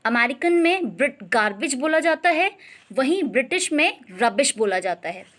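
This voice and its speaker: A young woman teaching a grammar lesson, reading English lines out slowly and deliberately, then explaining them patiently with frequent check-ins. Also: high voice, big pitch swings, fairly bright tone.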